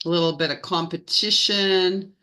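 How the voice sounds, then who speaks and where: A woman's voice: fairly low pitch, steady tone, pushed and bright. A woman co-hosting a casual live-stream chat, stretching her words like a show announcer. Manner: slow, drawn-out announcer-style delivery. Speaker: co-host.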